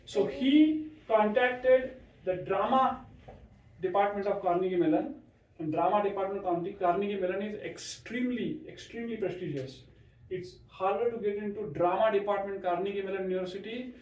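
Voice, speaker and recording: Male host for a kids' session, higher voice, restless restarts, distant echoey room. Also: moderate pace. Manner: animated, many restarts and checks like right?. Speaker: host introducing a guest to kids. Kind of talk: casual talk to children. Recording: echoey room, far from mic.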